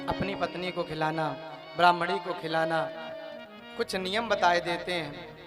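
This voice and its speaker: Preacher voicing a wise old sage, measured and reassuring, high voice with music behind. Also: male voice, steady tone. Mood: solemn. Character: calm elderly holy man, wise and kindly.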